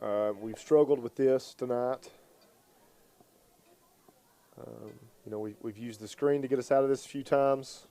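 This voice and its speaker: A man giving color commentary on high school football radio, folksy and joking. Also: steady tone, creaky, warm tone. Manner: folksy, joking, quick to laugh.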